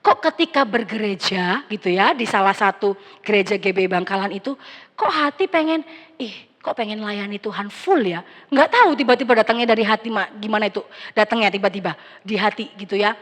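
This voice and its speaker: A young woman pastor, preaching a sermon with a conversational personal testimony and animated quoted dialogue. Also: mid-range voice, fairly quick. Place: large church hall. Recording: long church-hall reverb.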